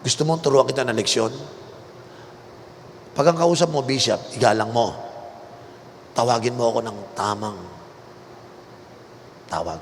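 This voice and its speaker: A man's voice: medium pitch, measured pace, pauses often, voice pushed down, close to an everyday voice. A man with a Filipino accent playing a haughty, proud bishop who lectures coldly. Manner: cold, lecturing. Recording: long hall reverb, faint noise.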